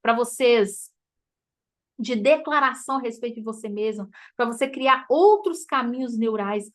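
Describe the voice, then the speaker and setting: Brazilian woman teaching a faith class, high voice, chatty and emotional, laughs a lot. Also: lively intonation, a little slow. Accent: Brazilian Portuguese. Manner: chatty and emotive, addressing listeners as "gente", laughs often. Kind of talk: informal teaching talk to a group.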